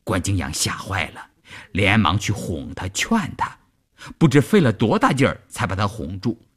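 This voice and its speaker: Expressive male radio storyteller. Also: lowish voice, normal speed. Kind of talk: scripted long-form story narration.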